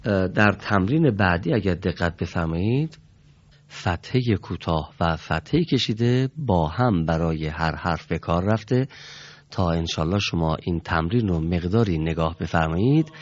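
A man's voice: sits low, lively intonation, lo-fi sound. A man teaching a Quran reading class, patient and formally polite, saying letter sounds for his students to repeat. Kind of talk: classroom instruction.

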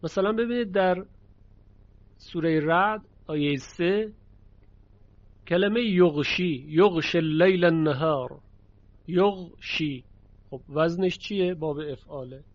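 A man teaching a lesson on Quranic readings, explaining the rules and chanting short verse examples slowly. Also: sits high, dry recording, highs cut off.

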